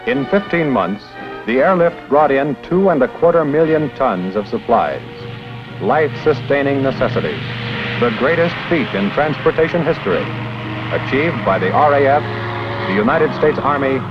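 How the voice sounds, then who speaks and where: A man with a mid-range voice delivers scripted 1950s newsreel narration for an old documentary at a moderate pace. His tone is animated, proud and declamatory, set against a dull old film soundtrack with music.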